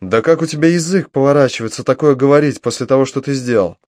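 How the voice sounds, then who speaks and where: A man's voice: mid-range voice, normal speed, darkish tone, dry recording, natural voice. A man voicing a furious, vengeful young demoness noblewoman who speaks with spite and menace. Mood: angry, gloating.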